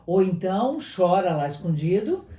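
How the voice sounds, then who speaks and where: A Brazilian woman hosting a radio talk show. She asks questions in an expressive, conversational way. Her voice is low and mellow, and the studio sound is roomy. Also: moderate pace. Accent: Brazilian Portuguese. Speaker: radio host. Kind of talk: radio interview.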